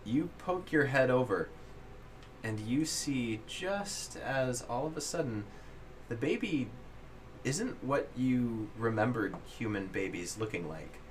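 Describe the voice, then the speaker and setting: A man narrating a tabletop role-playing game to his players as game master, building scenes in halting, drawn-out descriptions. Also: medium pitch, animated, a little hiss or hum.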